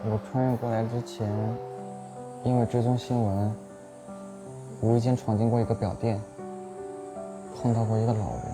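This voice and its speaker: A man's voice: mid-range voice, flat delivery, normal speed, pauses often, close to an everyday voice. A man playing a troubled young man who confides hesitantly, in naturalistic audio drama style. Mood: uneasy. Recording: music under the voice.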